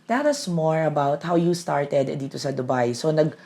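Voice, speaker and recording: A woman's voice: sits low, normal speed. A Filipina woman hosting a casual interview in a motherly, teasing way. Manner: warm motherly teasing, calls guest "anak". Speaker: host.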